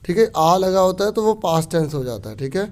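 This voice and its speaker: Male teacher, fairly high voice, patient worksheet walkthrough; slow reading, casual explaining. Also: lively intonation, a little mellow. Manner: reads Sanskrit slowly then explains in quick casual Hindi, with frequent "theek hai". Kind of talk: explaining a Sanskrit worksheet to students.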